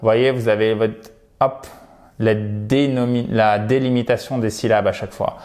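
A French-speaking man teaches English pronunciation in an online lesson, coaching in a lively way and modeling words by repeating them. His voice is fairly low, and he speaks unhurriedly.

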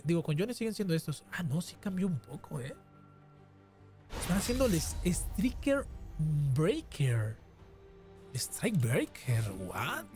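Male streamer, higher-pitched, excitable play-by-play with teasing sing-song taunts, music bed under. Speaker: gaming streamer. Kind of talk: casual gameplay commentary. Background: background music.

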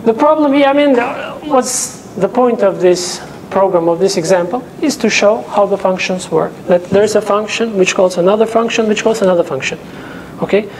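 This is a young teaching assistant speaking English, not his first language, at a moderate pace in a high-pitched voice. He takes the class through each step and regularly checks in with "okay?" in a lecture room equipped with a projector and whiteboard. The lapel-mic sound is poor, carrying a little hiss or hum.

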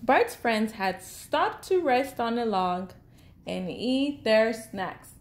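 Using a fairly high-pitched voice, a woman performs a children's picture book, her storytelling expressive and carefully paced.

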